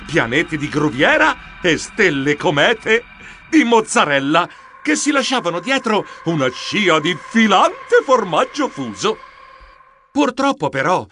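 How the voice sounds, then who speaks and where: A man narrating a children's audiobook in the first person, playful and theatrical, with comic shouts and sound effects. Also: high-pitched.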